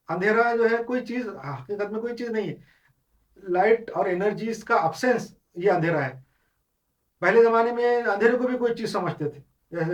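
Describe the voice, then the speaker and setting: In this clip the Islamic teacher's high voice is recorded from afar, its highs cut off. He lectures spontaneously, explaining each point in turn, weaving English words into Hindustani while often restarting and using filler sounds.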